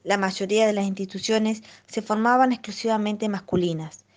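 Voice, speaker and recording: A woman's voice: medium pitch, fairly even intonation, normal speed. A young woman, a student, reading her part of a school presentation.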